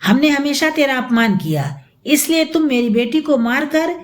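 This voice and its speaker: A woman voicing a bitter young mother who shouts hateful accusations at her stepmother. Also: high-pitched, expressive, normal speed. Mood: furious.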